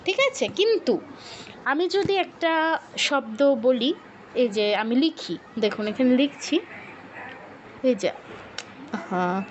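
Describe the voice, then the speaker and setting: A woman's voice: high-pitched, big pitch swings, unhurried, pauses often, slight background noise. A woman teaching an online workshop, explaining rules patiently, repeating key points and checking that her students follow.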